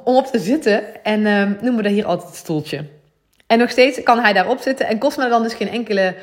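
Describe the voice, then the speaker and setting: A woman in her thirties with a Dutch accent, hosting a solo podcast in an earnest, confiding way, thinking aloud with many fillers. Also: a little high. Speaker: podcast host. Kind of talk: reflective solo podcast talk.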